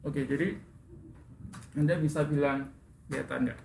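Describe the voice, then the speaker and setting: A man's voice: fairly high pitch, little pitch movement, moderate pace, gravelly, darkish tone. Male teacher correcting pronunciation in an echoey classroom. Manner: corrects students' pronunciation and asks questions. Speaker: English teacher. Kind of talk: classroom instruction. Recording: echoey classroom with faint room noise.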